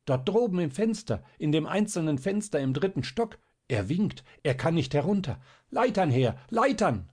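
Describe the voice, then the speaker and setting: A man's voice: a little high, normal speed, few pauses, breathy edge, voice pushed up. A man voicing alarmed onlookers calling out from a crowd at a fire, in an audiobook. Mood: alarmed shouting. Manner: calling out excitedly.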